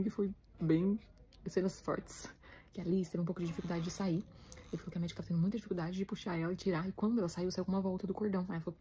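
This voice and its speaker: A Brazilian woman with a Brazilian Portuguese accent, chatting to her viewers in a rapid, emotional way as she retells her story. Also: fairly low pitch, warm tone, slightly rough. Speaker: vlogger, new mother.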